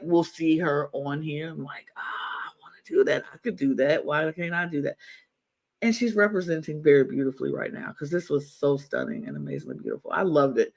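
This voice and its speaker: A man co-hosting a podcast, chatting casually and enthusiastically, rambling and repeating himself. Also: a little high. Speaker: podcast co-host. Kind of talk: casual chat.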